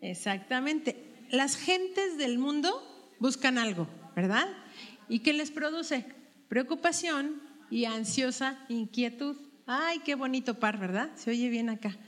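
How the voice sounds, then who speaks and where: A woman guides a Bible study. Her voice sits slightly high, and she keeps tossing questions back to the group. The room around her carries a long, lingering reverb. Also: animated, unhurried, fairly bright tone. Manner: asks the group questions and tags them with "¿verdad?".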